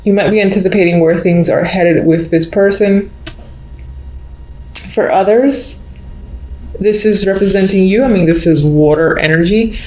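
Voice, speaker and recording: A woman tarot reader with a mellow, medium-pitched voice gives an unscripted, mystical horoscope reading, musing and thinking aloud to the listener. She speaks at normal speed with long pauses, and the recording has roomy echo, background noise, and faint clicks.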